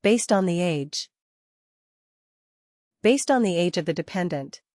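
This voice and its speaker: A woman with a slightly low, expressive voice runs a software training lesson at an unhurried pace. She teaches interactively in small steps, restates key points, and keeps asking her learners questions. The recording is dry, with very little room sound.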